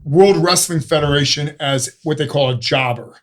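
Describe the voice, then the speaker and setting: A joking man in his fifties with an Ohio accent, chatting as an interview guest. His voice sits a little higher than most men's, and he tells his stories with self-mocking humor. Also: moderate pace. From Ohio, USA. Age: 50s. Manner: jokey, self-mocking storyteller. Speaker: podcast guest, stuntman and actor. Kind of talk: casual interview chat.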